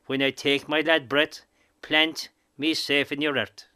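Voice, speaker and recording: A man's voice: on the high side, little pitch movement, unhurried, sharp tone, clean tone, no room sound, studio quality. A man from Kerry with a local Irish accent recites rhyming verse as a poet, in a lilting storyteller's manner. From County Kerry, Ireland.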